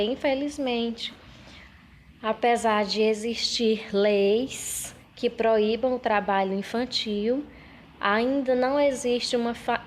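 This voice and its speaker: Woman teacher, fairly high voice, patient and emphatic, recorded lesson with faint background noise. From Brazil. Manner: slow, emphatic reading of questions. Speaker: schoolteacher. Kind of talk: recorded remote lesson for children.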